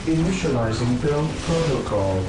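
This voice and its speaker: A man voicing an obedient male cyborg worker in a video game, his voice run through a booming metallic robotic filter and delivered as a flat monotone. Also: normal speed. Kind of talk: video game unit voice lines. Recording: roomy, distant, loud game music behind.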